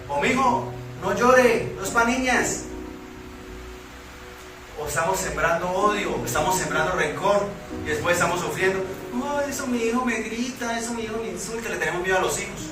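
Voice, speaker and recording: A Colombian-accented pastor preaches, repeatedly putting rhetorical questions to the congregation in a very high, bright, forceful voice. The recording is distant, in a very echoey church hall with faint music behind.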